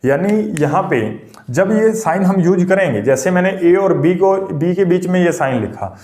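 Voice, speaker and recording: A man's voice: on the high side, darkish tone, echoey room. A man teaching a maths lesson for a teaching exam, explaining step by step and repeating himself. He asks the class questions and then answers them himself. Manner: repetitive and explanatory.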